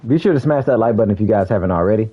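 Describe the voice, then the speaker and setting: A man's voice: expressive, very fast, slightly rough, muffled recording. A man streaming a game, chatting casually and calling out enemies, heard through a poor-quality stream mic. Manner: slangy, calls out enemies, says "bro" a lot. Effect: low quality stream audio, bad mic. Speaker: gaming streamer. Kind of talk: casual live gameplay commentary.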